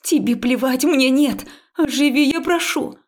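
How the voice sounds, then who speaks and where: A desperate young heroine, read by a woman narrating a fantasy audiobook, pleading urgently. Her voice is raised higher and louder than the narration and carries a gravelly creak. Every line presses with emotion. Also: fairly even intonation, moderate pace. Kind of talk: audiobook character voice.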